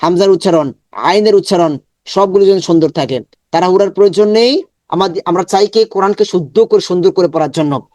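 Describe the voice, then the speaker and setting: A male Quran teacher giving an online lesson, drilling syllables slowly one at a time with many repetitions and chanting the verse in long drawn-out tones. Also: high voice, a little mellow, no echo. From Bangladesh.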